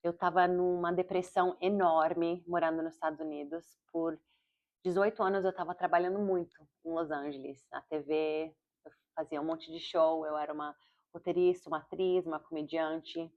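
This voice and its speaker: A Brazilian-born woman in her forties with an American-accented Portuguese, talking fast and rambling with self-corrections in a casual video diary. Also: low-pitched, steady tone. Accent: Portuguese with an American English accent. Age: 40s. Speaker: vlogger and comedian. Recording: slightly dull lo-fi audio.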